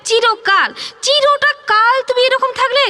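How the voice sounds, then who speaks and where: An actress playing a brisk, impatient married daughter in an audio drama, with a Bengali accent and a scolding way of talking. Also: female voice, extremely high pitch, pushed and bright, faint music behind, heavily acted. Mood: exasperated.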